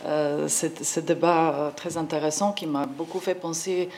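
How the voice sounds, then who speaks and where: Deep-voiced and darkish in tone, this Slovenian woman in her forties talks at normal speed with fairly even intonation, over slight background noise. She's an independent art curator from the former Yugoslavia, speaking informally on a conference panel, hesitant and groping for words.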